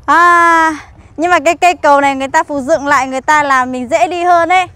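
A woman's voice: sits high, fairly even intonation, quick pace, bright, forceful tone, no echo. A woman chatting casually and teasing her companions as a fellow traveler. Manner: playful and teasing, laughs often. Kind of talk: casual chat.

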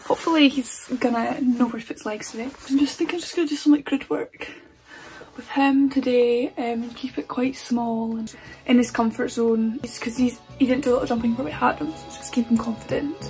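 A woman's voice: fairly high pitch, fairly even intonation, fairly quick, a little mellow. A young woman chatting casually to the camera as she preps her pony and sets up jumps, often apologizing. Her voice is picked up by a camera at the yard and arena, sometimes from a distance. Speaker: horse-riding vlogger. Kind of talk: casual vlog chat. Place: stable yard and outdoor riding arena. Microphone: camera on a tripod, sometimes far off. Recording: clear background music over the voice.

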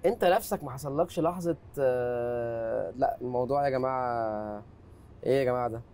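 A man's voice: medium pitch, fairly quick, a little mellow, a little hiss or hum. An Egyptian man with an Egyptian Arabic accent hosting a film interview, eager and emphatic, often affirming his guest. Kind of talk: interview conversation.

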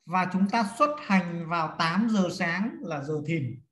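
Slow-paced teacher with a high voice. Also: male voice, lively intonation, fairly bright tone. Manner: slow, step-by-step counting and instructing. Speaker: feng shui teacher. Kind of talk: classroom lesson. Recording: echoey room.

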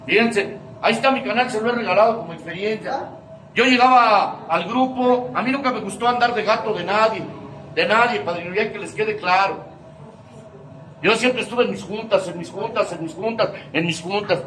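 A man's voice: high-pitched, moderate pace, fairly bright tone. A man with a Mexican accent giving an emotional recovery testimony, emphatic and full of street slang and swearing. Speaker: speaker sharing his recovery testimony. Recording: echoey room, mic at a distance, faint noise.

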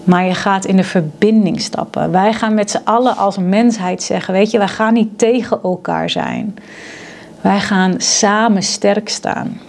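A woman's voice: mid-range voice, normal speed, gravelly, few pauses, a little mellow. A woman speaking as a spiritual coach in a casual monologue, earnest, acting out the voices of people she quotes. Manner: earnest, acts out quoted dialogue. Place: home on a mountain.

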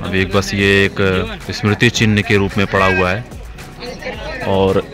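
Young man, casual vlog chatter, excited, outdoors, music under him. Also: deep voice, slow pace. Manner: chatty, enthusiastic, asks a local questions. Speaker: travel vlogger. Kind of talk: casual on-camera tour commentary. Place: outdoors at a hill fort.

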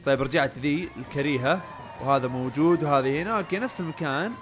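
A young man giving casual let's-play commentary, muttering to himself and yelling when things go wrong. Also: a little high, quick pace, soft background music. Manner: chatty, often muttering under his breath, bursts of panicked yelling. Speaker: gaming channel host.

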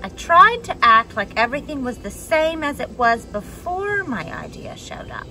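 Animated, high-pitched young woman reading a storybook. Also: music in the background, low-quality recording. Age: young adult. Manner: animated, dramatic pauses and emphasis. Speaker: storybook reader for a children's church message. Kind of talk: expressive children's read-aloud narration. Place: outdoors on a wooden deck among trees.

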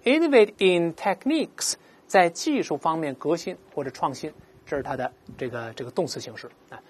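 A low, animated, slightly rough female voice leads a vocabulary lesson. The teacher is patient in her explanations, carefully sounds out words for repetition, and repeatedly tags her points with "right?"

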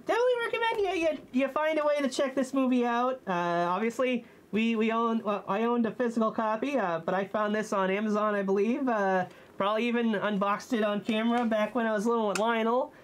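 A casual movie reviewer whose voice comes through a costume head. The talk is halting and full of fillers and self-corrections, set at an ordinary middle pitch. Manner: halting, with many fillers and restarts.

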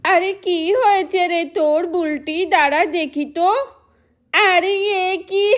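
A woman's voice: very high-pitched, a little slow. A woman voicing a naughty little village boy who teases and giggles. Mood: teasing. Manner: teasing, giggly.

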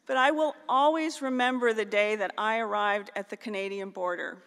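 A woman's voice: mid-range voice, moderate pace, creaky, a bit bright. Woman giving a ceremonial speech in a hall. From northeastern Ohio, US. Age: middle-aged. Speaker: keynote speaker at a graduation. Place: large auditorium stage. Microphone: podium microphone on a stand. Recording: long hall reverb.

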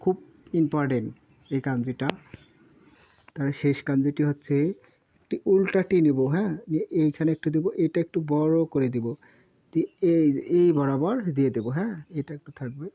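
Man slowly teaching kanji, dull lo-fi sound. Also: on the high side. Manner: repeats words slowly, spells out syllables, often says sorry. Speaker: Japanese teacher. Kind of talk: kanji lesson while writing on a board.

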